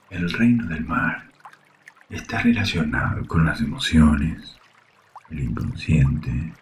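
Very deep, slow man guiding sleep meditation. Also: a little hiss or hum. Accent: Rioplatense Spanish. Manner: soft, soothing, hushed delivery with long pauses. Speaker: yoga nidra guide. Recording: faint water ambience behind voice. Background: trickling water sounds.

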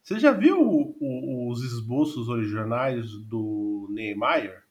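A man's voice: mid-range voice, animated, takes it slowly, a little mellow. A man with a Brazilian Portuguese accent, chatting in a slangy, blunt, casual podcast style. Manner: slangy, blunt, coarse informal talk.

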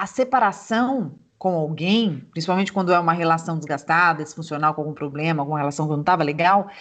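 A Brazilian woman, a psychologist co-hosting a relationship podcast, talking thoughtfully and telling stories from her sessions. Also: medium pitch. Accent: Brazilian Portuguese. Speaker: psychologist co-host. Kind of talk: podcast conversation.

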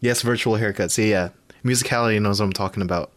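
A man's voice: fairly low pitch, steady tone, quick pace. A young man in casual podcast chat, rambling and laughing often.

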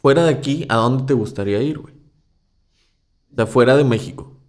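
A man's voice: medium pitch, brisk. A young man, chatting casually among friends in heavy slang. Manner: slangy, relaxed, peppered with güey.

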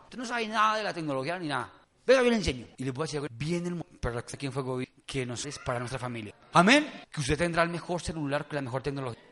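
Brief male pastor, lively sermon, high bright voice, playful. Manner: animated, acts out Bible scenes with funny voices.

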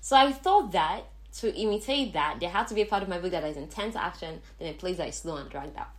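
A woman's voice: fairly low pitch, lively intonation, fast talker. A woman with a Nigerian accent hosting a podcast in a casual, chatty way, thinking aloud as she goes. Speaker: podcast host. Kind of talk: casual chat.

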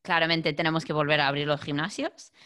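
A woman with a somewhat low-pitched voice hosts a podcast. She talks in a casual, chatty style, informal and conversational. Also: fairly even intonation, fairly quick, fairly bright tone, smooth. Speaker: podcast host, coach.

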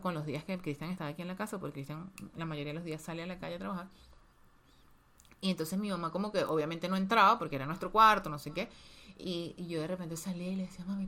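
A woman's voice: on the low side, fairly even intonation, fast, sharp tone. A woman speaking candidly and emotionally about being a mother, repeating words for emphasis. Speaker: podcast co-host, mother of a toddler. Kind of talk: candid casual chat.

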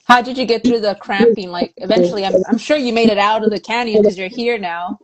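A woman's voice: medium pitch, brisk, a crowd in the background, poor audio. Woman host asking casual questions. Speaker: podcast host. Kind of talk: interview questions.

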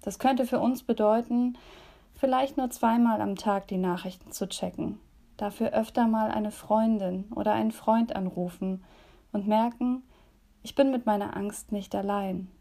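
Brief: gentle woman devotion leader and storyteller, dark gravelly tone, unhurried. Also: medium pitch, fairly even intonation. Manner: gentle, soft, at times whispered. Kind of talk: calm devotion with story reading.

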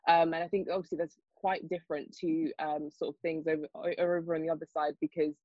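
A young woman of Nigerian heritage raised in the UK, a guest on a discussion panel, talking quickly with many fillers and restarts. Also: deep voice, little pitch movement, no room sound, highs cut off. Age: young adult. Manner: fast, hesitant, lots of fillers and restarts. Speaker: panel guest, children's author.

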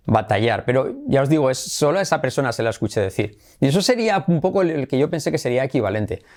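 A man runs an English lesson in a lively, teacherly way. He says the English phrases over and over, slowing them down for practice. His voice sits in an ordinary middle pitch. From Spain. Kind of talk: Spanish-language English lesson.

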